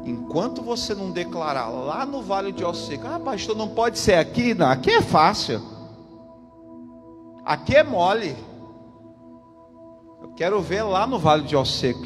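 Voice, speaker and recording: High-voiced Brazilian pastor preaching fervently. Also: male voice. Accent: Brazilian Portuguese. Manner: emphatic, repeats lines, calls out to the congregation. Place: church service. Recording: reverberant church hall with music behind. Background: music and congregation.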